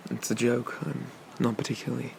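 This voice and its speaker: A man playing a flirty, teasing, gentlemanly pirate captain in an ASMR ASMR role-play, with gravelly, murmured delivery. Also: medium pitch, flat delivery, fairly quick, slight background noise. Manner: leisurely, teasing, roguish, murmured asides.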